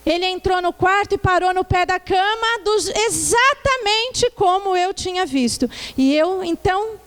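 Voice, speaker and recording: A woman pastor preaching a sermon, telling her testimony with lively tag questions and calling the congregation to answer back. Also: very high voice, unhurried. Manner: calls for congregational response. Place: church.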